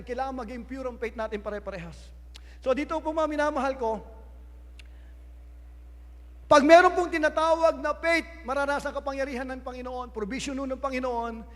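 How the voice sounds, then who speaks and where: A Filipino pastor with an unusually high voice preaches to his congregation, quoting scripture in English among his own words. His voice carries into a big church hall with a long echo that trails after each phrase. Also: fairly bright tone. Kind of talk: sermon.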